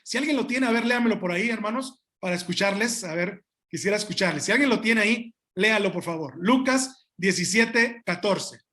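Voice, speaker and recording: Male pastor, high-pitched, emphatic sermon delivery with frequent restarts. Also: bright, forceful tone. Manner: emphatic preaching, addresses congregation as brothers; halting restarts and asides.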